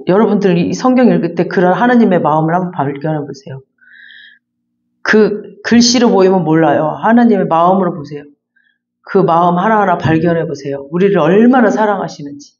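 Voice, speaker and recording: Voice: medium pitch, lively intonation, brisk, darkish tone, highs cut off. A pastor preaching a fervent, repetitive sermon and then leading a closing prayer in a church sanctuary.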